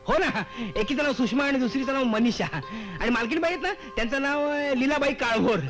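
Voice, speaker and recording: An actor playing a smooth-talking young male con man and salesman, cheeky and quick with excuses, in a 1980s comedy film. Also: very high-pitched. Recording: old film soundtrack with background music.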